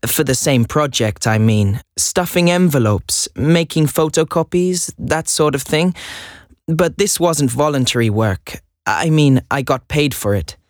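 He sounds a little high and lightly acted, speaking at a measured pace with no room sound in a dry, close recording. The actor, a native Swede, portrays an earnest 16-year-old boy applying for a job in a scripted listening dialogue, hesitant, chatty, and prone to nervous laughter.

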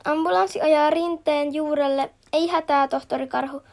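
A woman's voice: high-pitched, fairly even intonation, a little mellow. A woman reading out the part of a kindly female animal nursery teacher in a picture book, cheerful and encouraging.

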